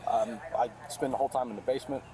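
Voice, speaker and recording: A man's voice: medium pitch, fairly even intonation, fast talker, crowd noise. A man explaining events to police outside a house, hesitant and full of fillers, caught on a police body camera. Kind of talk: statement to police. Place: outdoors at a house. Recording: noisy body cam audio.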